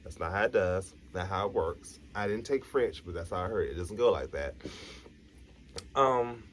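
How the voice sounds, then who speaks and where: A man's voice: sits low, lively intonation, moderate pace, slight background noise. A tired, sleepy man vlogging a casual, rambling recap of a TV episode. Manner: chatty, rambling storyteller.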